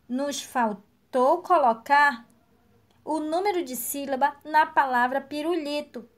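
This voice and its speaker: A woman teaching a recorded lesson to young children, slow and encouraging, praising each answer. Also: high-pitched. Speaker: primary school teacher.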